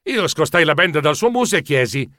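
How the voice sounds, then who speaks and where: A man narrating a children's story in an animated, expressive way. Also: on the high side, fairly quick, no room sound, clean studio sound. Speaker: audiobook narrator.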